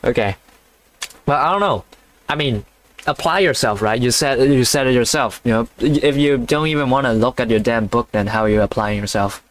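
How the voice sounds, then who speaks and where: A man reads a novel aloud in a loose, halting way, tripping over harder words. He stops often to comment in a crude, offhand tone and swears without much thought. His pitch sits in the middle range for a man. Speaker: channel host reading a novel aloud. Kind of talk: casual read-along with commentary.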